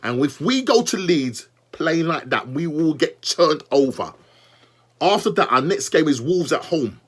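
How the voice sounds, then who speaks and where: A young man reviewing a football match as a fan, exasperated and animated, repeating himself and talking straight to the manager. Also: fairly high pitch, measured pace, breathy edge. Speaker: football fan channel host.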